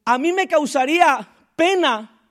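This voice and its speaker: A man preaching a lively church sermon as pastor. He calls on the congregation to repeat his words and chuckles often as he jokes with them. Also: extremely high pitch, unhurried. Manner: calls on the congregation to repeat after him and respond. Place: church service.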